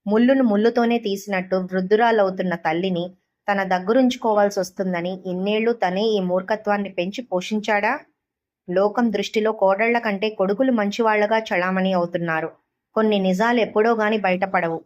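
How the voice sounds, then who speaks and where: Woman reading a story out loud, steady calm audiobook narration. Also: medium pitch, a little fast, muffled recording.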